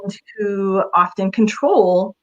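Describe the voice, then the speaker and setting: A woman's voice: mid-range voice, slow, muffled recording. A woman career counselor giving casual advice in an interview, talking in a chatty way with many fillers.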